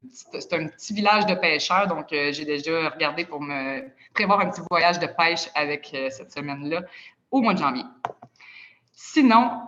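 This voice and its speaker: A woman's voice: low-pitched, a bit bright, lo-fi sound. A woman with a Quebec French accent giving a chatty, persuasive sales presentation over a video call. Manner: chatty and persuasive, with casual asides. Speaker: presenter of a travel club.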